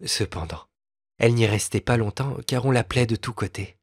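A man narrating a classic fairy tale as an audiobook, with a measured, expressive reading. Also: mid-range voice, breathy edge, no echo, clean studio sound. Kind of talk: storybook narration.

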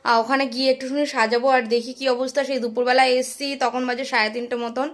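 Give me a chatty woman vlogger, a bit hoarse, speaking in a high voice. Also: flat delivery, fast talker. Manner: chatty, addresses viewers directly. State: voice getting hoarse. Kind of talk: casual home vlog.

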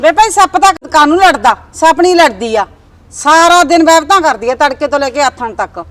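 A woman playing a sharp-tongued older village mother-in-law who nags her daughter-in-law. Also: high-pitched, expressive, a little fast. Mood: scolding. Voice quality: scolding, nagging. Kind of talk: village comedy drama.

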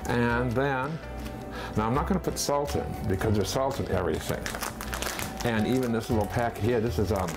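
A man with a mid-range voice hosts a casual cooking demonstration in his home kitchen, walking through each step at a moderate pace. He's relaxed and chatty, thinking aloud with filler words. A fixed camera picks him up from a distance, and music plays in the background.

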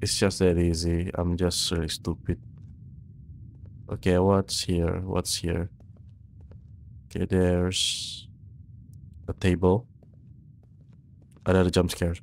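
A man's voice: sits low, monotone, takes it slowly, long pauses, slight background noise. A young man giving casual, nervous, jumpy commentary as he plays a horror game, muttering to himself into a close microphone. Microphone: close microphone on boom arm, headset worn.

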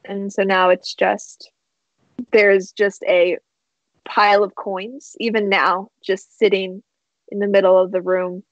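A woman narrating a tabletop role-playing game as game master, in a relaxed, rambling way with many fillers. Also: mid-range voice, slow, dry recording, muffled recording.

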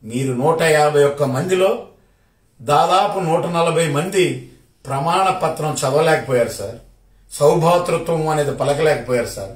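A man's voice: on the high side, unhurried, reverberant, distant mic. A man from Kadapa with a Rayalaseema Telugu accent, firing sarcastic rhetorical questions at a minister in a confrontational political rant. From Kadapa district, Rayalaseema, India. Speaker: party supporter.

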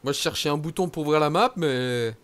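A young man from France giving excitable, swearing commentary while playing a game, shouting in panic at times. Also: on the high side, a little fast. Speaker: gaming YouTuber. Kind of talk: let's play commentary.

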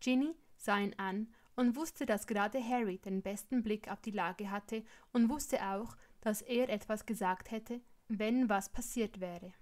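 A woman reading fan fiction aloud in steady, plain storytelling. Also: medium pitch, unhurried. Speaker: reader.

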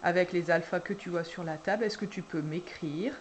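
A woman preschool teacher guiding parents through a syllable dictation, speaking slowly and deliberately and drawing out each syllable. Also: lowish voice, slight background noise. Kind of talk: instructional video for parents.

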